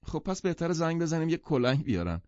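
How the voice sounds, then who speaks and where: A man's voice: fairly high pitch, big pitch swings, darkish tone, dry recording, pitched above the performer's own voice. A male audiobook narrator voicing a restless, spoiled young woman who complains, in a dry, muffled recording. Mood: petulant. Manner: petulant and complaining. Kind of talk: audiobook character voice.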